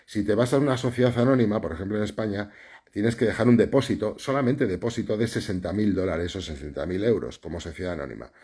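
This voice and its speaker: Low, husky Spanish man. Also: quick pace, a little mellow. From Spain. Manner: conversational, explanatory, many fillers and tag questions. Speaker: journalism teacher answering live questions. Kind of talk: casual live stream Q&A.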